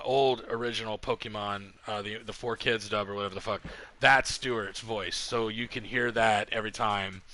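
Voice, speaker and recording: A man casually telling a profane, animated story as a podcast host while playing a game, acting out heated quotes from other people. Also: medium pitch.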